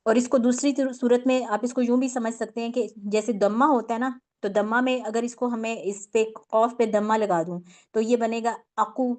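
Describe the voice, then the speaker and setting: A woman's voice: on the high side, fairly even intonation, hardly any pauses, darkish tone. A woman teaching a tajweed lesson on Quran recitation, explaining patiently step by step with many fillers and English words mixed in.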